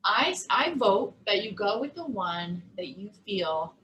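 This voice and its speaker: A woman nutrition coach in a casual cooking demo, chatty and quick to laugh, with lots of "like" in her talk. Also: mid-range voice, animated, muffled recording, slight background noise. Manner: chatty, laughs often, says "like" a lot. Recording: echoey room.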